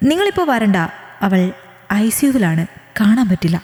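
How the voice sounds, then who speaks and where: Woman voicing a calm caring male teacher. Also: medium pitch, moderate pace, lightly acted. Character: kind middle-aged male teacher and relative. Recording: echoey room with long reverb.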